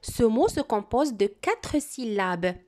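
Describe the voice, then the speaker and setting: A woman teacher giving a French dictation to young pupils, repeating each word and syllable slowly and giving calm step-by-step instructions. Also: on the high side. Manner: slow, deliberate dictation with words repeated clearly. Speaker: primary school teacher. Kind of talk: classroom dictation lesson.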